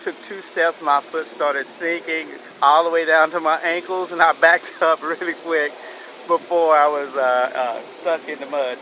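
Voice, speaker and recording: A man's voice: a little high, steady tone, measured pace, bright, forceful tone, low-quality recording. A middle-aged man casually narrating his bike ride outdoors on a wooded creek trail, rambling and chuckling a little nervously, recorded on an action camera. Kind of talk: casual narration while cycling. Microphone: helmet or handheld action camera. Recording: outdoor camera mic with clear wind and road noise.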